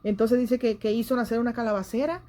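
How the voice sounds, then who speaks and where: A woman's voice: a little high, steady tone, quick pace, warm tone. A woman preaching a sermon in a church's home broadcast, in an earnest manner that rises and falls in intensity. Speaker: lay preacher.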